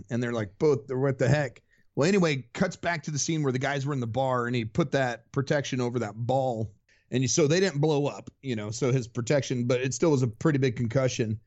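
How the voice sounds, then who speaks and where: A man's voice: medium pitch, brisk, darkish tone, highs cut off. A man co-hosting a podcast, casually retelling a comic in a rambling way, full of fillers. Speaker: podcast co-host. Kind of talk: casual chat recapping a comic.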